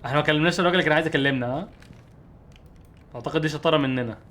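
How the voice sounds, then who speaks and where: Fast-talking Egyptian gamer, excitable. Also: male voice, fairly high pitch, slight background noise. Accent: Egyptian Arabic. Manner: excitable, jokey, easily startled. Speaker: streamer. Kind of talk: gameplay commentary.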